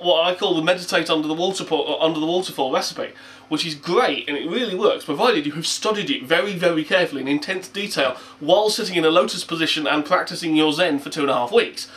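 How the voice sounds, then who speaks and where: A man's voice: on the high side, fast talker, a bit bright. A man talking from behind the camera in wry, ranting casual chat.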